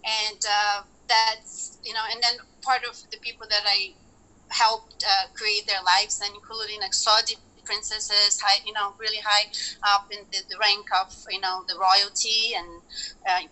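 Bright-voiced woman on a video call. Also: mid-range voice, level tone, rough recording. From Brazil. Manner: loose, halting, with many fillers. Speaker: company founder presenting to members. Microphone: laptop mic on a video call.

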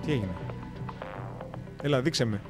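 A man gives live commentary while he plays, joking and chatting with the game. His voice sits at an ordinary pitch. Game music plays clearly behind him. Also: expressive. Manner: joking, talks to himself and the game. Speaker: gameplay streamer.

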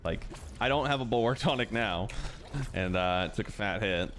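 A man giving relaxed, explanatory commentary over a game he is playing, with plenty of fillers as he talks through each move. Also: fairly low pitch, normal speed, slight background noise. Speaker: gaming channel host. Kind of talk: casual gameplay commentary.

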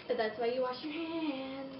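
A woman's voice: high-pitched, normal speed. A young woman narrating a casual cooking demonstration in her home kitchen, chatting and making playful asides as she works. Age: young adult. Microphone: camera across the room. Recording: roomy, distant, dull home video audio with background hiss.

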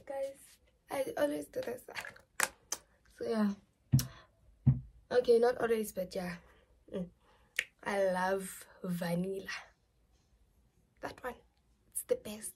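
A young South African woman talks straight to her camera from a small bedroom, chatty and loose. Her speech slips back and forth between English and Zulu, with a South African accent and lively, expressive delivery. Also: on the high side, gravelly, husky. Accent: South African, mixing in Zulu. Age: young adult. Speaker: vlogger. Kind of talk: casual chat to camera.

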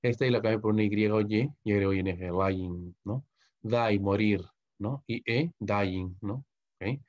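A man's voice: on the low side, unhurried, a little mellow. A man from Peru with a Peruvian Spanish accent, teaching English grammar in a recorded online lecture and stopping often to ask "¿ok?". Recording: muffled lo-fi audio.

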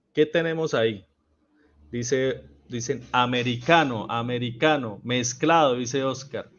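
Lively Colombian man teaching grooming. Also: medium pitch, muffled recording. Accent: Colombian Spanish. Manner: energetic, quizzing viewers and reading out their answers. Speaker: dog grooming instructor. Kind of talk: live online class.

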